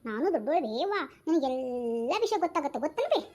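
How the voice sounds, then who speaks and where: A woman's voice: sits high, big pitch swings, fast, darkish tone. A woman voicing a sassy teenage younger sister who talks back, with a North Karnataka Kannada accent. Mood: cheeky. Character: cheeky teenage younger sister, quick-tongued. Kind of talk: homemade village drama.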